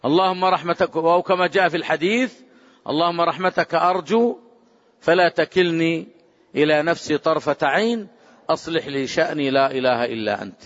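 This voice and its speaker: A man giving a religious lesson as a scholar, speaking emphatically and slowing down to quote prayers. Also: fairly high pitch. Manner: emphatic, rising to forceful exclamations; measured, drawn-out quoting of prayers. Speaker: Islamic scholar teaching. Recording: dull lo-fi sound with long hall reverb.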